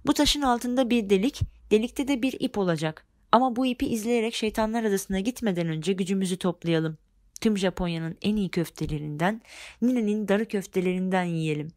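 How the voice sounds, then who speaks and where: A woman's voice: medium pitch, fairly quick, a little mellow, no room sound, studio quality, natural voice. Woman voicing a proud boy hero. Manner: proud, declaiming.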